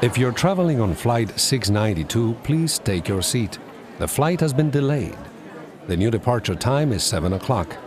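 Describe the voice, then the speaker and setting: A man's voice: medium pitch, big pitch swings, moderate pace, a crowd in the background, background noise. A man making polite, formal airline boarding and delay announcements. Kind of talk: scripted announcement for a listening exercise.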